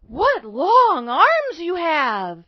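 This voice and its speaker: A kindly, innocent little girl from a storybook, acted out by a woman. The voice sits high and swoops widely in sing-song, drawn-out phrases, recorded dry. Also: huge pitch swings, no echo, dull audio, exaggerated voice. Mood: amazed.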